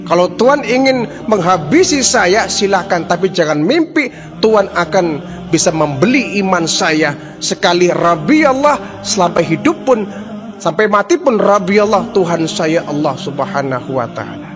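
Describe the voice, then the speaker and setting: A man's voice: high voice, unhurried, over music, pitched above the performer's own voice. A man voicing a fearless devout servant woman. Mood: defiant. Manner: calm, firm declarations.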